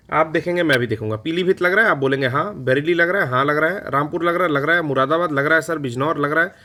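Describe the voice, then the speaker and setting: A man's voice: fairly high pitch, fairly bright tone. A man teaching an exam-prep lecture, chatty and playful, answering his own questions in a mock student voice. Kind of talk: recorded online lecture.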